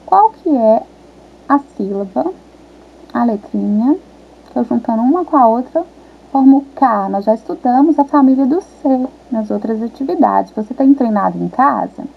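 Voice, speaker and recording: A woman primary school teacher, patiently walking young children through a worksheet and sounding out syllables slowly. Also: fairly high pitch, expressive, creaky, breathy edge. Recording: tinny phone-quality audio.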